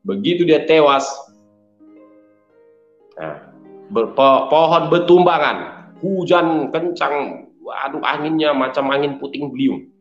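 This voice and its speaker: A man from Medan with a Medan accent, giving a personal religious testimony in a loud, forceful way and often addressing listeners as brothers. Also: fairly high pitch, lively intonation, slow pace, pauses often. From Medan, Indonesia. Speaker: testimony speaker. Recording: dull roomy recording with faint music.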